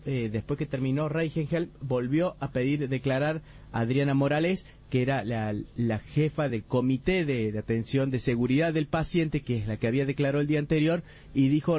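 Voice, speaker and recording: A man giving a live radio report from a court trial, laying out the events in steady detail with frequent restarts. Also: mid-range voice. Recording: muffled radio audio.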